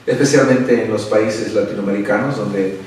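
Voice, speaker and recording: A fairly low, steady, slightly mellow voice at normal speed belongs to a middle-aged Salvadoran pastor. He talks earnestly and unhurriedly through interview answers and prayer, adding tag questions often. Slight background noise, an echoey room, and a mic a bit distant mark the recording.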